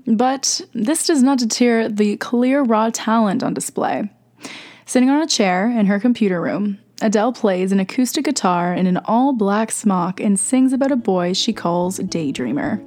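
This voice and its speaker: A woman's voice: medium pitch, normal speed, a little mellow. A young woman hosting a radio music show with scripted commentary, sounding congested with a sore throat and a stuffy nose.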